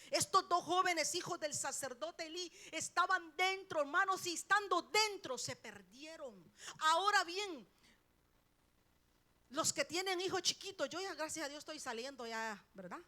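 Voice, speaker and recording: Middle-aged woman, pastor's wife preaching in church, high voice, emphatic rises and soft drops. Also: expressive, a little slow. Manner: emphatic, swings between loud peaks and quiet drops, rhetorical questions. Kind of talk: sermon. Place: church sanctuary.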